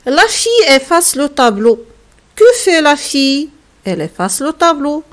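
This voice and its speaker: Slow, lively Moroccan woman teacher. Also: sits high. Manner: slow, careful, spelling words out letter by letter. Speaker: primary school French teacher. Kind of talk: recorded remote French lesson.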